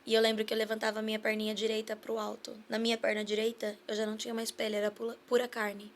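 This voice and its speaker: A woman's voice: on the high side, monotone, fast, slight background noise. A woman with a Brazilian Portuguese accent, a podcast guest giving an earnest personal testimony and acting out remembered dialogue. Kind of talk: personal testimony in a casual interview.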